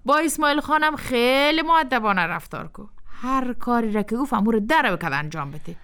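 A woman's voice: fairly high pitch, expressive, clear, resonant tone. An actress with an Afghan Dari accent playing a middle-aged mother who advises her daughter firmly. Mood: advising. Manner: warm advising, firm.

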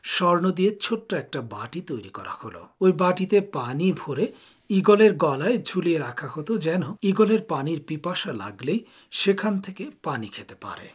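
A man hosting a radio program and narrating an old folktale in a calm, measured way. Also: a little high, breathy edge. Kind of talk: storytelling narration.

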